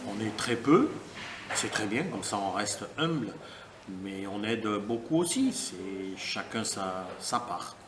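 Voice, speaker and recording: A middle-aged man from France, answering interview questions in a thoughtful, measured and lyrical way with pauses. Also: on the low side, animated, noisy background. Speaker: interviewee helping at a family guesthouse. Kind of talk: casual interview. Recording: roomy sound with crowd chatter behind.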